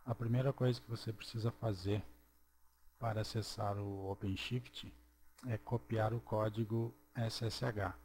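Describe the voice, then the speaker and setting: A man narrating a screen-recorded programming tutorial, walking through each step slowly and checking in with "ok?". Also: fairly low pitch, steady tone, a little mellow, slight background noise. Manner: slow, step-by-step, checks in with "ok?" and "certo?".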